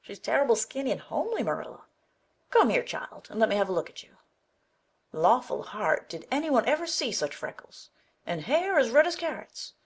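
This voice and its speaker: A woman's voice: a little high, very animated, moderate pace, gravelly, slightly rough, heavily acted. A woman voicing a stout, outspoken older village woman who speaks emphatically and indignantly. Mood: blunt.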